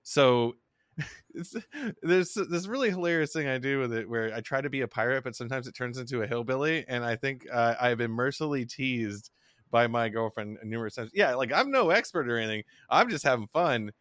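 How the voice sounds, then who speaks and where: A man's voice: medium pitch, brisk, fairly bright tone, dry recording, studio quality. A man co-hosting a podcast, rambling in a casual, self-deprecating way with many restarts. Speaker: podcast co-host.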